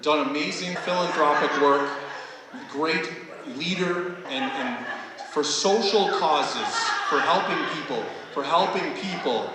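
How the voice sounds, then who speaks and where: A man working as a stage hypnotist and host, bantering off the cuff with volunteers in a halting way, often repeating phrases. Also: on the high side. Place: indoor college stage show with audience. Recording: echoey hall PA with noisy background.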